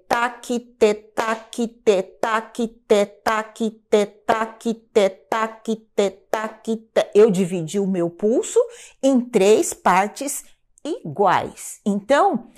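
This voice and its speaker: A woman's voice: a little high, a little mellow. A woman from Brazil teaching a live music lesson, explaining pulse and meter and chanting rhythm syllables aloud.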